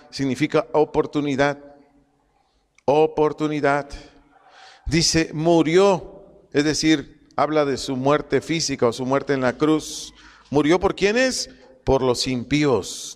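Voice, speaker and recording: A man's voice: mid-range voice, long reverb tail. A man teaching a Bible study, asking questions and answering them himself, repeating key phrases and spelling out Greek words.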